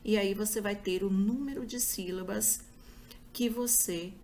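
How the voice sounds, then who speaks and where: A woman's voice: medium pitch, darkish tone, a little hiss or hum. A woman teacher with a Brazilian Portuguese accent giving a patient school review lesson, listing examples one by one. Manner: slow, patient, spells out examples.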